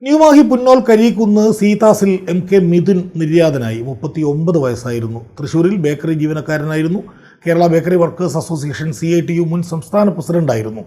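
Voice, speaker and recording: A man reading the news in a formal, steady way. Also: on the high side, fairly quick. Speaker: news presenter.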